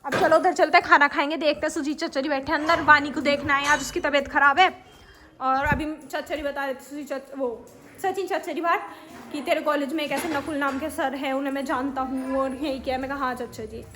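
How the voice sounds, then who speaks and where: A woman's voice: high-pitched, steady tone, brisk, noisy background. A young woman chatting through a casual family vlog, narrating with laughs. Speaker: family vlogger.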